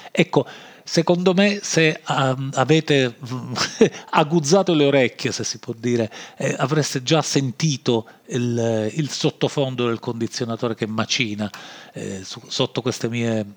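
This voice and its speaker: A man with a nasal voice and a Sicilian accent hosts a solo podcast off the cuff, halting and backtracking as he goes. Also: mid-range voice. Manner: halting, rambling, often backtracking. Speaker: podcast host. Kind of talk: improvised solo podcast monologue. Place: home-made podcast recording.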